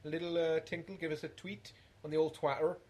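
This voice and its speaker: A man's voice: a little high, level tone, quick pace, darkish tone. A man co-hosting a podcast in casual chat who rambles and searches for words. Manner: rambling, loses words, trails off with fillers. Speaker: podcast co-host.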